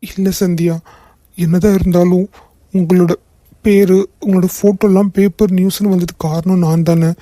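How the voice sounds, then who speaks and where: Guilt-ridden young male boss, voiced by an actor, cartoon: very dark tone, flat delivery, soft and tearful. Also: mid-range voice, normal speed, no room sound, close to an everyday voice. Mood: guilty, tearful. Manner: soft-spoken, tearful, repeated apologies. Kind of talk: cartoon voice acting.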